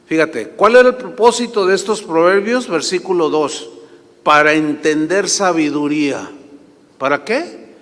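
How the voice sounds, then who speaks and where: A man's voice: a little high, a bit bright. A man preaching a sermon, telling stories and acting out the voices of the people in them. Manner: storytelling, acts out voices. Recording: long reverb of a large hall.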